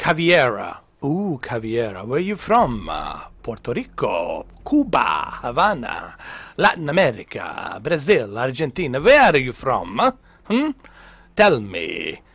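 A medium-pitched, gravelly voice with wildly swooping pitch, fairly bright and slightly rough, comes through at a measured pace in a dry recording. It belongs to a thirties-aged man streaming a game at home, joking, swearing and teasing chat over a large foam headset mic.

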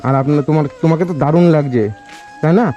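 A man's voice: fairly high pitch, steady tone, fast talker, mellow, dull audio, soft background music. A young man interviewing villagers outdoors, coaxing and repeating his questions. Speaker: charity vlogger host. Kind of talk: casual on-location interviewing.

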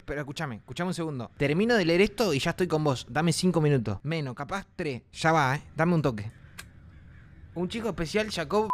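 A young Argentine man streaming a horror game alone in a dark apartment, nervous and rambling, swearing and yelping when scared. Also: on the high side. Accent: Argentine Spanish. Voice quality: jumpy, screams and yelps when startled. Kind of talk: live gameplay commentary.

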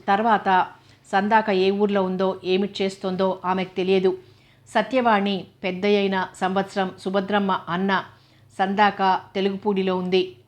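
A woman narrating a novel in a steady, even storytelling manner. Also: mid-range voice.

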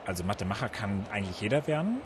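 As an interview guest, a science organisation director answers questions and explains things using examples. His voice is on the low side, with lively intonation and a racing pace, against noisy event ambience that includes traffic.

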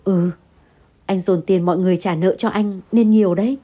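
A woman's voice: medium pitch, steady tone, fairly quick, dark tone, natural voice. A woman voicing an irritable young husband who answers curtly in an audio story. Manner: curt, dismissive. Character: irritable young husband, curt and money-proud.

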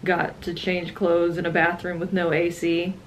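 A woman's voice: fairly low pitch, monotone, normal speed, slight background noise, poor audio. A young woman in her twenties chatting casually on a travel vlog, tired and a little playful, trailing off into laughs. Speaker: travel vlogger. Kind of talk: casual chat.

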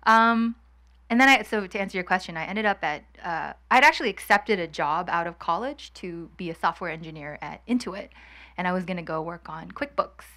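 A guest investor from Hong Kong, a woman in her thirties, speaks candidly and laughs quickly during a fireside chat on stage. Her slightly low voice still sounds bright and forward, and she's chatty. She uses a handheld mic at an outdoor courtyard event.

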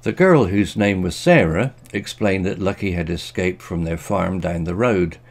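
A man with a low, deep voice reads a children's story aloud. His delivery is gentle and expressive, and he lifts his voice for the characters' lines. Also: normal speed, vocal fry.

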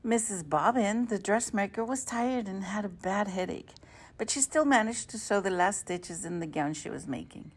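A woman teacher reading a picture book aloud to children, expressive and friendly. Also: mid-range voice, normal speed, slightly rough. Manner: warm, expressive storytelling to children.

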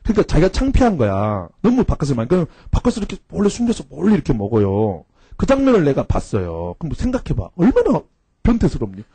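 Male cram-school teacher, casual and slangy storyteller, expressive swooping delivery, husky tone. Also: on the high side, fast, no echo. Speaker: cram school English instructor. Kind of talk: anecdotal classroom storytelling.

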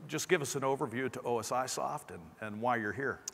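A man's voice: medium pitch, a little fast, gravelly, a bit bright. Middle aged guy doing a conference keynote, bit of a lisp, long echo from the hall. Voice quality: slight lisp. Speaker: company presenter. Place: large conference stage indoors. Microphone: clip-on lapel mic. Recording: amplified hall with long reverb.

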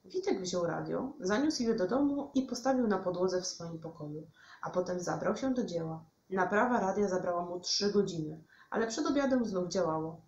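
A woman teacher reads a bedtime story aloud with a low but lively voice. The recording is roomy and dull, with a lo-fi edge. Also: moderate pace, a little hiss or hum. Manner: expressive, lively reading. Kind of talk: storybook narration. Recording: echoey room, dull lo-fi sound.

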